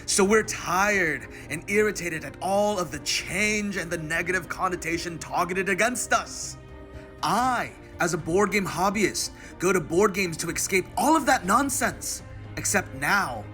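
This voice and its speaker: A man's voice: high voice, animated, a little slow, pushed and bright, full character voice. A man giving a hammy, theatrical dramatic reading as an angry, aggrieved male board game hobbyist ranting online. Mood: aggrieved, indignant. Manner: reads punctuation marks aloud. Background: music.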